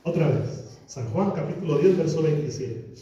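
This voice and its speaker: A man's voice: fairly high pitch, animated, moderate pace, warm tone, dull audio, a little hiss or hum. A male pastor preaching a sermon with rising, emphatic repetitions. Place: church hall. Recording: echoey church hall from far off.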